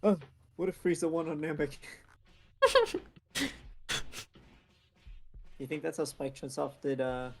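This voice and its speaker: A young man co-hosting a gaming podcast, chiming in quietly with short remarks. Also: a little high, very animated, slow pace, long pauses, slight background noise. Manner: quiet, brief interjections. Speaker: podcast co-host. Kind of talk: casual gaming podcast chat.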